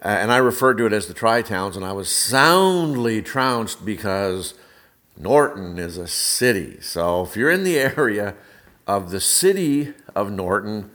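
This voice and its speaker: A man's voice: on the low side, lively intonation, unhurried, a bit bright. A middle-aged man hosting a Bible study podcast in a casual, folksy, rambling way with wry, self-deprecating humor, recorded in a slightly echoey hall. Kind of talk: casual conversational podcast monologue. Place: indoors in a church fellowship hall by a fireplace.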